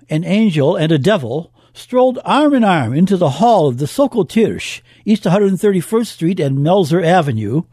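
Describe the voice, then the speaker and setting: A man narrating a scripted radio history piece in a measured, even reading. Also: high-pitched, no echo, clean studio sound.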